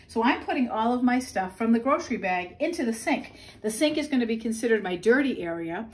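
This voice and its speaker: A woman in her fifties, a nurse, giving a practical step-by-step demonstration in her home kitchen, recorded on a phone camera up close. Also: medium pitch. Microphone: phone camera at close range.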